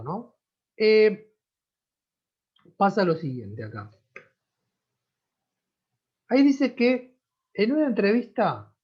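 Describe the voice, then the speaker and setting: A teacher with a Rioplatense Spanish accent leads an online class conversationally, frequently checking in with her students. Her medium-pitched voice has a breathy edge. The computer mic on the video call gives dull, lo-fi audio.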